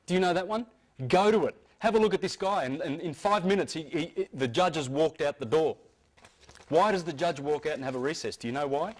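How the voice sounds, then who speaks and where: A man's voice: a little high, fairly quick. A man giving an informal, earnest talk to a live audience. He often stumbles, restarts and repeats words as he explains. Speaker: speaker addressing an audience.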